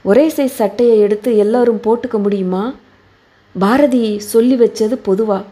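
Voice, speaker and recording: A woman voicing a devoted young husband who calmly reasons with his wife and reassures her. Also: sits high, moderate pace, natural voice. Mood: reassuring.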